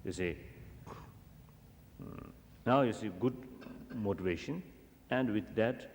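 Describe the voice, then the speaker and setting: Deep, very animated Tibetan male teacher. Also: slow pace. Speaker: Buddhist teacher. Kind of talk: philosophy teaching to an audience. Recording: echoey hall with background noise.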